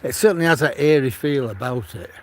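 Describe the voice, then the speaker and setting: Out on the seafront with his dog, this retired Mancunian livestreams from a gimbal-mounted phone, telling loose, wandering stories that often start over. He speaks briskly and expressively in a mid-range voice.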